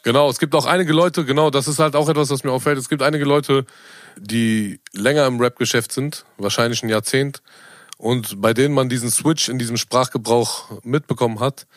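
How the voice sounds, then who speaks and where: Measured man in dry, close sound. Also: mid-range voice, no room sound. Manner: measured, searches for words, deliberate. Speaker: podcast co-host. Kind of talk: casual chat.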